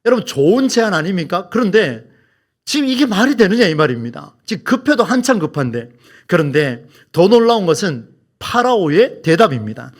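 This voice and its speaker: High, lively-voiced male pastor preaching. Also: fairly quick. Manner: emphatic, questioning preaching that keeps addressing the congregation. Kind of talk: Sunday morning sermon. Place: church sanctuary.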